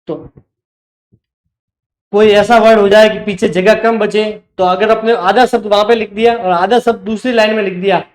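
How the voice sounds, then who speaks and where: Male teacher, high-pitched, patient step-by-step online lecture, roomy echo. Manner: explains step by step, checks with the class.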